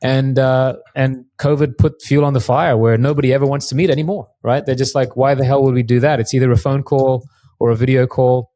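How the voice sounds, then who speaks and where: A man chats as a podcast guest at a middle pitch. He tells relaxed stories and often restarts his sentences. The sound is dry and close, with no room echo. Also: brisk. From Australia. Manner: relaxed storytelling, frequent restarts. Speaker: guest mortgage broker. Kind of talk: casual interview chat.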